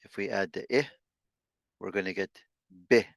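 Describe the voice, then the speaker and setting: A man teaching an online language lesson over a video call, sounding out syllables slowly with many halting restarts. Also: sits low, creaky, fairly bright tone, no echo.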